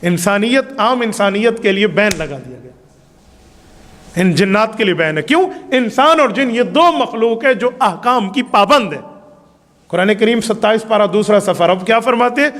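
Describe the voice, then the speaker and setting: A man's voice: sits high, expressive, a bit bright, in a large hall. A man preaching a sermon, reciting Arabic hadith and explaining them emphatically with rhetorical questions. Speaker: Islamic preacher.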